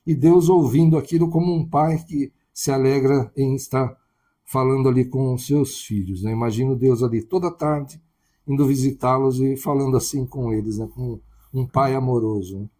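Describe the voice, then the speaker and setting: Husky, mellow Brazilian man preaching. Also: medium pitch, steady tone, normal speed. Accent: Brazilian Portuguese. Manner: conversational, constant tag questions. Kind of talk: sermon.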